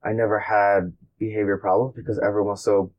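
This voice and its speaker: A man born in London and raised in New Jersey, talking casually as a teacher guest, relaxed and rambling with lots of fillers. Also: lowish voice, a little fast, dull audio. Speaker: guest, middle school engineering teacher. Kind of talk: casual conversation.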